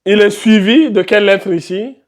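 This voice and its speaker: A man's voice: high-pitched, moderate pace. A man teaching Quran recitation rules to a live class, quizzing his students and repeating the key terms. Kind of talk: live classroom tajwid lesson.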